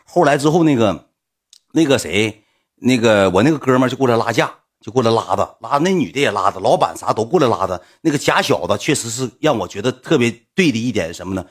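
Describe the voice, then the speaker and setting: Fast-talking storyteller man. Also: medium pitch, husky. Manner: animated, slangy, swings into loud quoted retorts. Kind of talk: casual storytelling.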